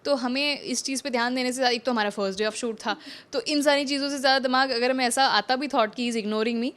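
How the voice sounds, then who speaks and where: A woman's voice: sits high, a little fast, fairly bright tone, smooth. A young actress in a casual interview, chatting freely and mixing English phrases into her talk with frequent restarts. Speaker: actress guest.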